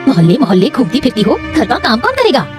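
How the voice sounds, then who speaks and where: A woman voicing a sharp-tongued, scheming sister-in-law in a cartoon, taunting and scolding. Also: fairly high pitch, huge pitch swings, quick pace. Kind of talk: cartoon voice acting. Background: background music.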